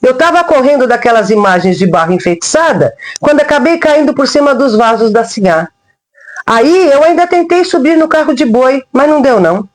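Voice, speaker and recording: A woman's voice: high-pitched, expressive, brisk, pitched above the performer's own voice, low-quality recording. Woman doing a timid mischievous little boy. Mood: pleading. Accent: rural Brazilian.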